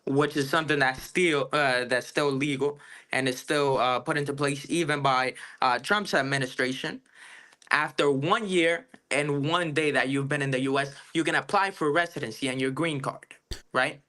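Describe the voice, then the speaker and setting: Bright-voiced man. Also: medium pitch, steady tone, normal speed. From Cuba. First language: Spanish. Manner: earnest, explains at length with restarts. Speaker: video chat stranger. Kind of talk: casual political debate.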